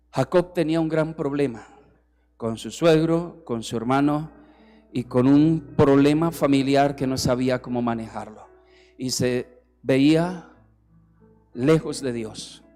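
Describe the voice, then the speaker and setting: A man preaching a sermon as a pastor. He acts out the figures he quotes and swings between strong calls and soft, hushed passages. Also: on the high side. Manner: preaching with acted quotes, rising and dropping to soft tones. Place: church hall. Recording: reverberant hall with music.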